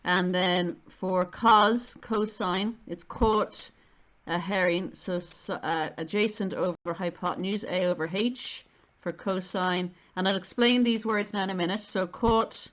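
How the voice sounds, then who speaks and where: A woman's voice: medium pitch, fairly even intonation, unhurried. A middle-aged woman with an Irish accent, giving an informal maths lesson in an explanatory, self-deprecating way and stressing key terms. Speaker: maths teacher.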